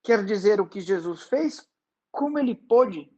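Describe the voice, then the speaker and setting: A man's voice: high voice, expressive, measured pace, a little mellow, highs cut off. A man voicing a grieving father who pleads in a raised, desperate voice, in a dramatized book reading. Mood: anguished, questioning.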